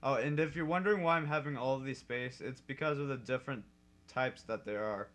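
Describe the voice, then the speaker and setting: A young man talks through a casual coding tutorial at his desk, chatty and quick to correct his own slips. His voice sits at an ordinary middle pitch. Keyboard typing clacks behind him. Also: a bit bright. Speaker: modding tutorial host.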